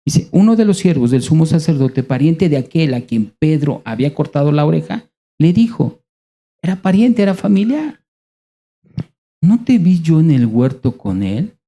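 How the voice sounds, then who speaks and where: A male preacher with a Mexican accent and a very dark, mellow voice. He teaches in a conversational way, asking his listeners questions and pausing for effect. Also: fairly high pitch, big pitch swings. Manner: conversational, rhetorical questions, dramatic pauses. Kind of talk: sermon.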